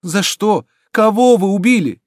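A man reading an audiobook and voicing a proud, anguished young woman with high, strained cries. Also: a little slow, dry recording, clean studio sound, close to an everyday voice. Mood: horrified.

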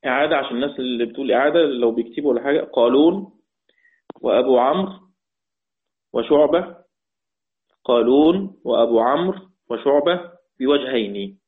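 A man with an Egyptian Arabic accent teaching the Quranic readings, repeating each point slowly and chanting verses in a drawn-out way. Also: mid-range voice. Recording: tinny phone-like audio.

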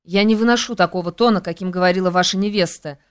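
A woman's voice: mid-range voice, a little fast, smooth, natural voice. A woman reading an audiobook, voicing a proud, fiery young woman singer who speaks in a cutting way. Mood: cold, indignant.

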